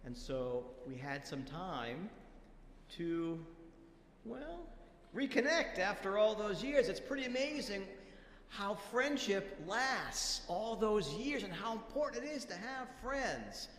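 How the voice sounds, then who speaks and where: A man telling a story at a religious service in a large sanctuary, chatty and animated, with playful asides. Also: high-pitched, takes it slowly. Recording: echoey hall from some distance.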